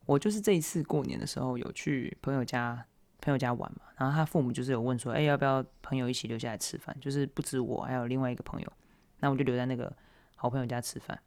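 A young man, hosting a podcast and retelling awkward moments in a casual, animated, self-mocking way. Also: mid-range voice, fast talker. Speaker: podcast host. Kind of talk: casual solo storytelling.

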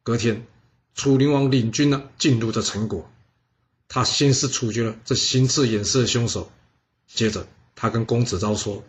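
A man's voice: medium pitch, fairly even intonation, normal speed, dull audio. Chatty man telling a history story. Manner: chatty, lots of particles and asides to listeners. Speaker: storyteller host.

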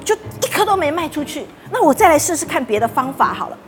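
A woman's voice: sits high, big pitch swings, fast, faint music behind, pitched above the performer's own voice. A woman voicing a shy young boy, talking in a timid, whiny way. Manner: timid, whiny, later bold hawking.

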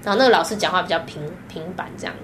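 With a fairly low voice and rapid-fire delivery, a woman with a Taiwanese Mandarin accent recounts personal stories openly as a guest. She's animated, laughs often, and performs the voices she quotes, with a little hiss or hum audible.

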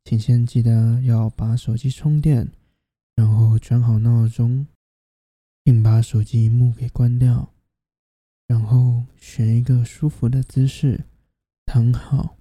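A host narrates a guided sleep meditation in the manner of a sleep story, softly and soothingly, half-whispering. The mid-range voice is husky, flat and slow, with no echo.

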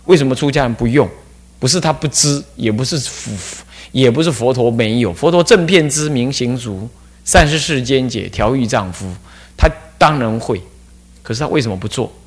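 Abbot teaching dharma, mid-pitched man, animated storyteller. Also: moderate pace, husky. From Taiwan. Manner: animated storytelling with rhetorical questions. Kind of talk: Buddhist dharma talk.

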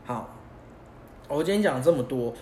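A young man hosts a casual explanatory podcast, speaking animatedly at normal speed in a mid-range voice. He fires off rhetorical questions and chuckles at himself, recorded with roomy echo and faint background hiss.

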